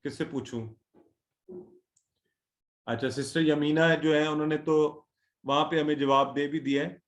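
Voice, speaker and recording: A patient man teaches an online class, repeating word forms slowly and calling on students by name. His voice sits a little high for a man. The sound carries a roomy echo from the call. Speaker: Quran Arabic teacher.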